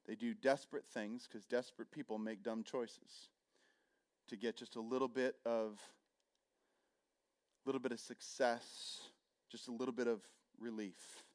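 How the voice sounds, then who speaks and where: A man preaching a sermon and retelling a scripture story, swinging between loud and hushed delivery. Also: mid-range voice, little pitch movement, unhurried, pauses often. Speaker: pastor.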